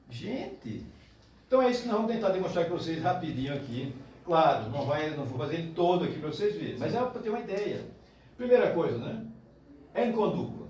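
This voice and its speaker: Brazilian man, lively teacher drilling pronunciation; room echo, distant mic, faint hiss. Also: high voice. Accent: Brazilian Portuguese. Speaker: Esperanto teacher. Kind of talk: classroom demonstration lesson. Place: club meeting room with audience. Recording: echoey room from far off.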